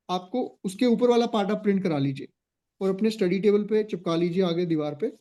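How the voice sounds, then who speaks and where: A man's voice: sits high, warm tone. A man teaching an online exam-prep class, mixing Hindi and English with an Indian English accent, firm and exhorting, often checking in with his students. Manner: firm, strict and exhorting, with frequent "ठीक है?" check-ins.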